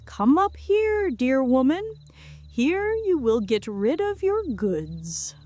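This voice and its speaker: A woman's voice: a little high, very animated, takes it slowly, darkish tone, husky, exaggerated voice. A woman storyteller voicing a cheerful, self-satisfied little male tailor in a fairy tale. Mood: inviting. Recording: music behind the voice.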